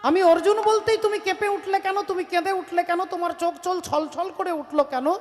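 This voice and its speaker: Woman doing a young prince grilling his mom, urgent and insistent, highish voice, echoey hall, music under. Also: steady tone, fairly quick. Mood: demanding. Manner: demanding, urgent, repeated questions. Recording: reverberant hall with music behind.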